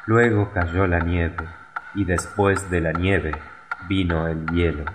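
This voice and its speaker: Slow, deep-voiced male storyteller. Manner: slow, measured, expressive reading. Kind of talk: scripted storybook narration. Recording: noisy recording with clicks.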